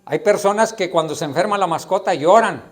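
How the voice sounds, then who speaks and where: High-voiced pastor preaching emphatically. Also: male voice, a little fast. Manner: emphatic preaching, addresses listeners directly. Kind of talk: sermon.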